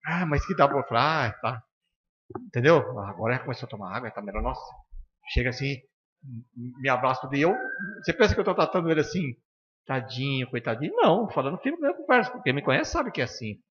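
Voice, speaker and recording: A man with a Brazilian accent from Curitiba teaching an informal spiritist study class, bluntly acting out talks with the people he treats and tagging his points with quick questions. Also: medium pitch. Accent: Brazilian Portuguese, from Curitiba. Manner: animated, acts out dialogues with patients; blunt and firm, frequent "né?" tags. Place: spiritist center lecture room. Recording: dull lo-fi sound with long hall reverb.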